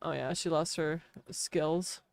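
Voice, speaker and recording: A woman from Wisconsin, USA, speaks slowly in a deep voice with fairly even intonation and a Wisconsin accent. She's casually chatting while streaming a game, laughing often and saying "like" a lot.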